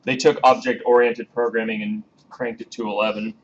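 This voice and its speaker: A man's voice: fairly low pitch, flat delivery, normal speed. Casual thirty-something male programming teacher. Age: 30s. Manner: casual, chatty, coaxing students to ask questions. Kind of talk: classroom lecture. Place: classroom. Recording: dull, lo-fi classroom recording with faint background hiss.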